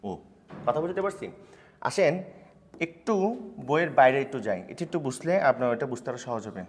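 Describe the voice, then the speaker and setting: Male tutor, young adult, brisk explainer who keeps asking if you follow; lingering reverb on the voice. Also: mid-range voice, animated, a little hiss or hum. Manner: quick, instructive, checks in often with listeners. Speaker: teacher. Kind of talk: grammar lesson for school students. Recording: long reverb.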